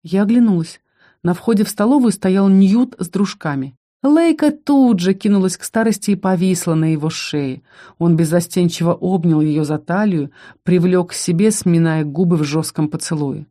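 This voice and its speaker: Mellow woman narrating an audiobook. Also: lowish voice, moderate pace. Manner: expressive storytelling. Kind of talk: first-person audiobook narration.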